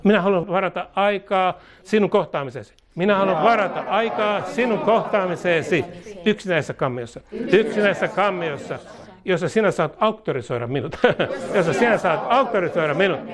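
A man's voice: high voice, animated, crowd noise. A man preaching a charismatic sermon, declaring against demons and fear, then leading the congregation in a prayer they repeat line by line. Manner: declaring, repeating lines for the congregation to echo, speaking in tongues. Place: church service before a congregation.

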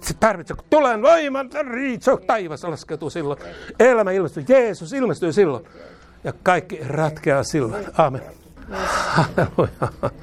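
A man with a high voice leads a charismatic healing prayer. He chants each line twice in a steady cadence so listeners can repeat it, and he breaks into rhythmic tongues between the lines. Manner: chanting repetitive calls with speaking in tongues. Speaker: preacher.

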